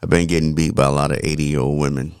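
A man with a very low voice chats in a laid-back, colloquial way on a podcast. His speech is slobbery from the braces in his mouth, and it comes with plenty of fry in a close, dry sound. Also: little pitch movement, fast talker, dry recording. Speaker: podcast co-host. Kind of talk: casual chat.

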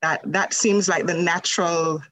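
A Jamaican woman with a lowish, slightly bright voice speaks at a measured pace with fairly even intonation, and there's no echo. She's a holistic nutrition practitioner appearing as a podcast guest, telling her story casually in interview style with lots of fillers.

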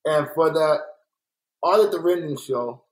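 A man's voice: a little high, a little slow, rough recording. A man from Los Angeles, an artist guest in a casual interview, speaking candidly and telling stories from his life. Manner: candid, storytelling, animated when quoting others. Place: art workspace.

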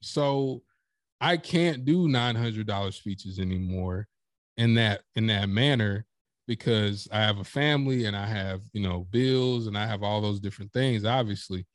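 Animated man talking business, dry sound. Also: lowish voice, measured pace, dry recording. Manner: animated, emphatic storytelling with acted-out quotes. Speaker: podcast guest, professional speaker. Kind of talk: casual interview chat.

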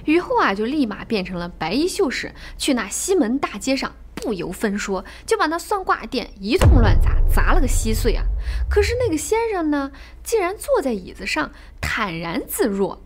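A woman retelling a classic tale casually, chatty and expressive, with asides to the listener. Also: high voice, normal speed, a little hiss or hum. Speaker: storyteller. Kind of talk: casual storytelling podcast.

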